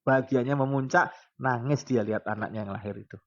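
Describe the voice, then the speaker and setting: A man's voice: medium pitch, quick pace. A male preacher with a Javanese accent giving a casual religious talk, telling stories with animation and acting out pleading prayers. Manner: animated storytelling, acts out pleading prayers and quotes. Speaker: Islamic preacher. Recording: dull lo-fi recording.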